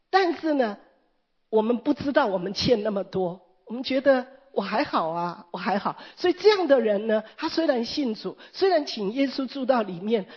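Woman preacher, sermon, high breathy voice, animated storyteller, dull lo-fi recording. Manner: animated storytelling with wide pitch swings.

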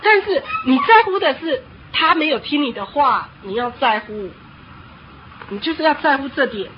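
A woman preacher giving a sermon, telling stories in an animated way and often pausing on a filler word. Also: high voice. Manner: animated storytelling with frequent filler "hao". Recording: dull lo-fi with faint noise.

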